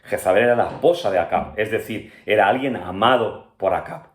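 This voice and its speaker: Earnest Spanish pastor, low voice. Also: male voice, fairly quick, roomy sound. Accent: Spanish from Spain. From Spain. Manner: earnest, addresses listener directly with frequent "¿vale?" and "¿verdad?". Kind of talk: Bible study sermon.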